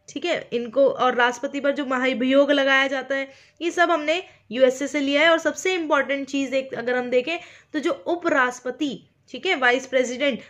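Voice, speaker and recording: An Indian woman teaching an online exam-prep lecture, speaking slowly on purpose and often checking in with her listeners. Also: high voice, fairly bright tone. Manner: mixes English terms into her explanations.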